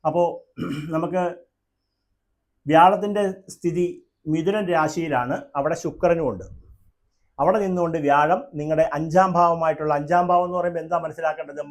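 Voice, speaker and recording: A man who is a temple priest and astrologer, speaking with a Kerala Malayalam accent and explaining a horoscope slowly, counting houses aloud and answering his own questions, in a room with a fan running. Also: on the high side, fairly even intonation. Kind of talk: astrology lesson to camera.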